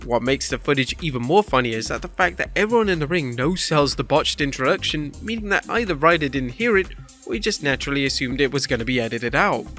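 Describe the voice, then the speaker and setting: A man's voice: medium pitch, animated, quick pace, sharp tone, soft background music. A man reading scripted narration for a countdown video as its narrator.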